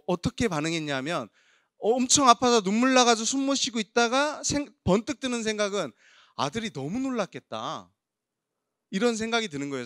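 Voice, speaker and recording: A man's voice: high-pitched, dry recording, studio quality. A man in his thirties preaching a youth sermon in church, telling stories and asking the congregation questions. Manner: warm storytelling with audience questions. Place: church hall.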